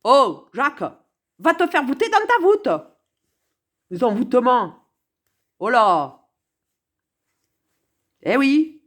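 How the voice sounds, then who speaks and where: A woman's voice: high voice, very animated, slow, long pauses. A woman giving casual, sarcastic commentary on a song, talking straight to the viewer and swinging between mutters and exclamations. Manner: sarcastic, playful, talks to the viewer.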